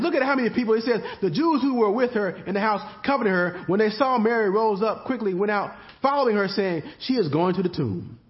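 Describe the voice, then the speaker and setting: Lively high-pitched preaching man, lo-fi. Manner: preaching with rising emphasis and call-and-response rhythm. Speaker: pastor. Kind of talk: sermon.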